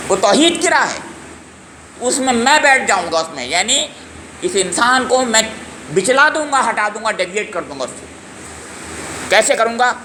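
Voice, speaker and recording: A man's voice: sits high, sharp tone, echoey room, slight background noise. A man giving a religious lecture on scripture, emphatic and often putting questions straight to his listeners. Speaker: Quran lecturer.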